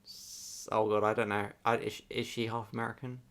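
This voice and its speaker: A woman's voice: rumbling low, little pitch movement, moderate pace. A young woman co-hosting a podcast in casual, jokey chat, teasing and laughing often. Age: young adult. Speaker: podcast co-host.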